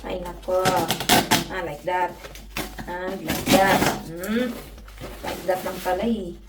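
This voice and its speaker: A woman's voice: on the low side, steady tone, slow, far from the mic. A woman from the Philippines chatting casually at home in a vlog. She giggles often and keeps saying "mga my guys.". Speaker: vlogger. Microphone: phone camera. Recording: roomy echo, off-mic, noisy.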